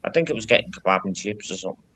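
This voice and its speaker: A man's voice: lowish voice, expressive, racing, a bit bright, rough recording. A middle-aged man, a guest in casual live-stream chat, telling long stories and swearing freely.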